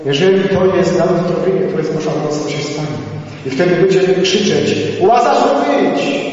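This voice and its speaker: A man's voice: on the high side, normal speed, darkish tone. A man giving a church testimony as a lay preacher, telling his story and then rising into fervent proclamations. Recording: echoey hall, distant and dull, lo-fi.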